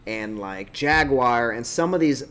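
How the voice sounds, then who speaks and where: A man's voice: medium pitch, expressive, measured pace, a bit bright. A man hosting a casual gaming podcast, chatting with friends and wrapping up the episode. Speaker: podcast host. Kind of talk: casual chat.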